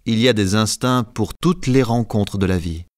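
Man reading an audiobook, calm and measured, dry studio sound. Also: lowish voice, no echo. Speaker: narrator. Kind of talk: scripted audiobook narration.

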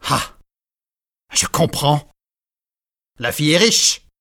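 A man's voice: a little high, lively intonation, slow pace, vocal fry, pushed and bright, pitched above the performer's own voice, heavily acted. A man doing a stern, scornful old grandfather. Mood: harsh. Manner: curt, harsh questioning. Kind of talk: dramatized reading of a classic novel.

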